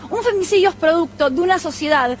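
Fast-talking Argentine newswoman, insistent. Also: extremely high pitch, animated, slight background noise. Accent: Argentine Spanish. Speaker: news anchor. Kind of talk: heated live TV interview.

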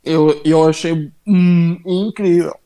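Male co-host, European Portuguese accent, slightly raised pitch, halting and slangy, chatting casually and familiarly. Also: steady tone, dark tone. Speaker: wrestling show co-host. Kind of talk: casual live chat about wrestling.

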